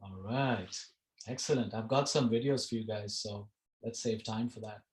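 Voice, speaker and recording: A man's voice: lowish voice, moderate pace, a little mellow, reverberant, low-quality recording. A man teaching an online class over a video call, talking casually and often restarting his phrases. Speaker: course instructor.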